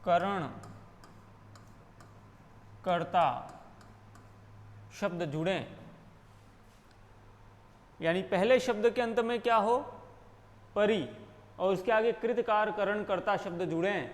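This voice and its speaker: A man with a Rajasthani accent teaches grammar in a high voice. He walks through each rule step by step, posing questions and answering them himself. His voice carries a long, reverberant echo. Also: slow, pauses often. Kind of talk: Hindi grammar lesson.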